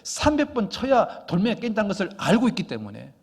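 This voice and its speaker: A man preaching a sermon as pastor, emphatic and repetitive, asking rhetorical questions and sometimes dropping to a hushed near-whisper. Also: high voice, wildly swooping pitch, fast talker, slightly rough.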